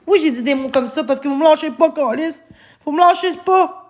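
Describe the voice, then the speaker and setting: A woman's voice: high-pitched, a little fast. A woman with a Québécois accent, streaming live and angrily scolding her chat, swearing often. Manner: angry, swearing, scolding viewers. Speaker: livestreamer.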